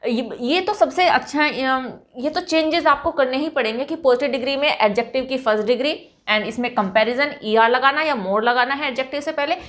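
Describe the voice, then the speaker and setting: A woman teaches English grammar to her students. Her voice sits high. She is patient and stretches out each example word so learners can follow. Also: a bit bright. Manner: patient, drawn-out model pronunciations.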